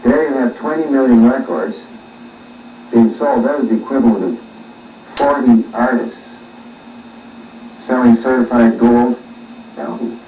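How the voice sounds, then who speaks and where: A man, a musician, answering interview questions with many pauses and fillers, heard on old worn tape. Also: medium pitch. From Canada. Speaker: musician guest. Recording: echoey, distant, dull old tape with faint hiss.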